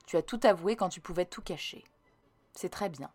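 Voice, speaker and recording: A woman voicing a gentle but firm mother who talks soothingly and moralizes. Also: on the low side, normal speed, breathy edge.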